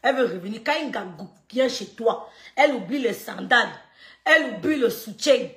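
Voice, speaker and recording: A woman telling a personal story in casual French, swinging between loud quoted lines and quiet asides, with stammers and laughs. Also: fairly high pitch, animated, moderate pace, reverberant. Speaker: storyteller recounting gossip.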